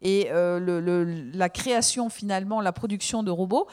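A woman taking part in a discussion, speaking hesitantly with many pauses and fillers. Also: medium pitch, darkish tone, smooth.

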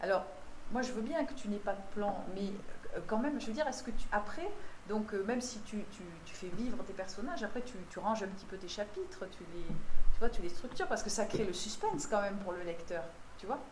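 A woman interviewer asking questions in a hesitant way, full of fillers and restarts. Her voice sits at an ordinary middle pitch for a woman. The recording is roomy with clear background noise. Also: expressive, a little fast. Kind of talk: casual interview talk.

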